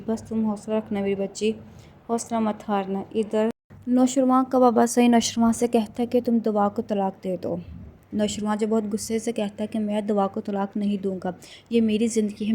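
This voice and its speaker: Woman, plot recapper; level, warm-toned delivery, faint background noise. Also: medium pitch. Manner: steady flat narration with restarts. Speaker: drama episode recapper. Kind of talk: casual retelling of a TV drama plot.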